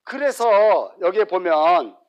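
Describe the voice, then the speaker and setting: A man pastor giving a sermon, acting out little quotes and dropping to soft asides. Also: high-pitched, takes it slowly, smooth, muffled recording. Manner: lively, acts out everyday quotes, sudden drops to soft asides.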